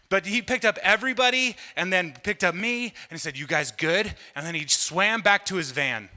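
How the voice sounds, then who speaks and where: A man's voice: high-pitched, bright, forceful tone. A middle-aged man doing stand-up, rambling through a story with self-deprecating asides, many fillers and restarts, on a hall stage. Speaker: comedian. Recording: long hall reverb from a live venue.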